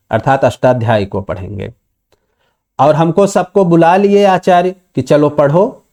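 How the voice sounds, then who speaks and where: A man teaching Sanskrit grammar in a patient lecture, slowly reciting the sutras and explaining them step by step. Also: mid-range voice, darkish tone. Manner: acts out a student's objection in dialect.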